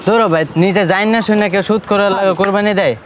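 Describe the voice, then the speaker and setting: Man playing an earnest young man, questioning, quick, street noise behind. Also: high-pitched, fairly even intonation, close to an everyday voice. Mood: doubtful. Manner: doubtful, questioning. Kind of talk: short film acting.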